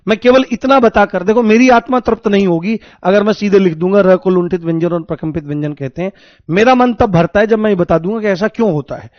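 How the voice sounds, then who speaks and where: A man teaching a live online class, lively, repeating points and questioning his students. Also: sits high, dry recording, dull audio.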